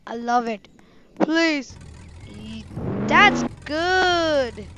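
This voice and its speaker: A woman with a high voice talks her viewers through a driving game, calling them guys and boys. She speaks slowly and excitably. Loud engine and car sounds from the game sit behind her voice. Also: heavy background noise. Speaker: gaming streamer. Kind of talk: casual gameplay commentary.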